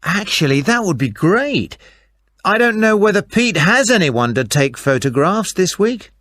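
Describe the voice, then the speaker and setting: A man playing a helpful, unhurried race organiser in a scripted phone dialogue, obliging and a little hesitant. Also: high voice, big pitch swings, a bit bright, no room sound, studio quality, full character voice. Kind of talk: scripted listening-test dialogue.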